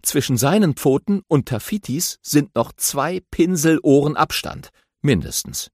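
A man narrating a children's audiobook in an animated storytelling way. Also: fairly high pitch, unhurried, breathy edge, dry recording, studio quality.

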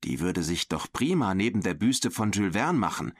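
Narrator voicing confident schoolboy, eager tone, animated, dry sound. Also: male voice, low-pitched, normal speed, breathy edge, no room sound, full character voice. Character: teenage schoolboy sailor, confident and upbeat. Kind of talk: audiobook character voice.

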